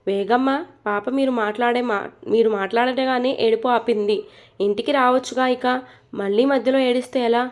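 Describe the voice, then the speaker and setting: A woman's voice: a little high, steady tone, fairly quick, lightly acted. A woman voicing a caring, worried middle-aged housemaid in a storybook reading, respectful and anxious.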